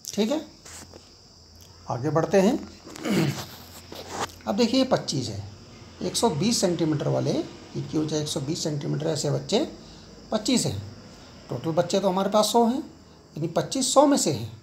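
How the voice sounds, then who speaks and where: A man's voice: fairly high pitch, sing-song, normal speed, gravelly, pauses often, a little mellow, slight background noise. A middle-aged man teaching a school maths lesson, repeating key points and asking his students questions as he explains.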